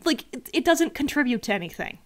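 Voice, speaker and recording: A woman with a fairly high voice hosts a casual livestream and tears into a letter she is reading out. Her delivery is sarcastic and exasperated, with plenty of swearing along the way. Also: big pitch swings, fast talker. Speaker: livestream host.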